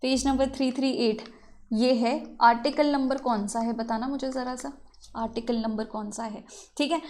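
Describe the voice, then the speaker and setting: Brisk high-voiced woman teaching. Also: fairly even intonation, darkish tone. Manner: brisk, chatty, mixes Hindi and English, fillers like theek hai. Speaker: exam prep teacher. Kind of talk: casual exam revision lesson.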